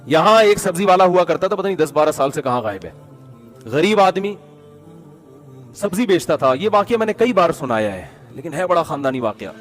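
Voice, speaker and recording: A man's voice: a little high, expressive, soft background music. Chatty man telling moral stories. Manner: conversational, keeps addressing listeners as brother. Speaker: speaker giving moral advice. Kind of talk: storytelling advice talk.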